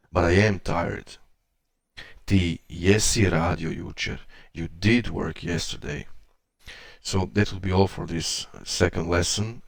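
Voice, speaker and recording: Slow, gravelly male teacher. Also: low-pitched, no room sound. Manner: measured, pausing, reads word pairs in turn. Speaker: language teacher. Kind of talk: slow explanatory lesson.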